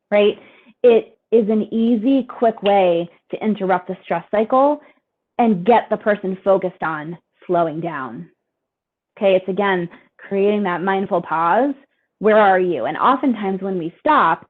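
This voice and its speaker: A woman in her forties leading a guided meditation and a wellness webinar, soft and soothing when guiding breaths, then encouraging as she explains. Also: lowish voice. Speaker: wellness presenter. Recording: tinny phone-like webinar audio.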